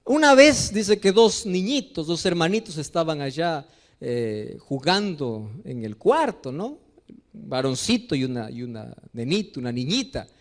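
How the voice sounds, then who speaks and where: A man preaching a sermon as pastor, animated, acting out the voices in his stories. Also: on the high side, unhurried. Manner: animated preaching, acts out dialogues in story.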